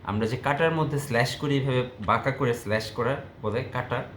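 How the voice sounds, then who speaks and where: A man's voice: mid-range voice, fairly quick, fairly bright tone, a little hiss or hum. A man teaching keyboard typing step by step, calling out each key as he presses it. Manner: calls out each key letter as he types; explains step by step to parents of students. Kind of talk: typing tutorial. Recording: echoey room, faint ambience.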